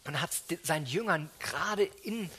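A man preaching a sermon, acting out quoted speech with big swings in pitch and loudness. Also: animated, moderate pace, breathy edge.

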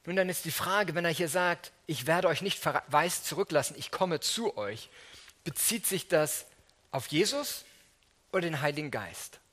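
A man preaching in a church, his voice husky and a touch breathy, pitched a bit higher than most men. He talks freely and animatedly, jumping up in pitch and volume when he acts out quoted speech, then dropping low and quiet again. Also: normal speed. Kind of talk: sermon.

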